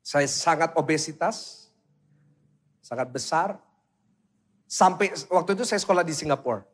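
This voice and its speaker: A man with a fairly high voice delivers a lively sermon in with a lilt. He preaches animatedly, firing questions at the congregation and briefly acting out voices to make his point. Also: normal speed. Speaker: pastor.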